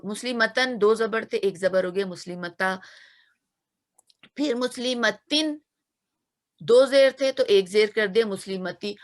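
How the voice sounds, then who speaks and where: Patient woman teaching grammar. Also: medium pitch. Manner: patient, repeats examples slowly and checks understanding. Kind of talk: explanatory lesson.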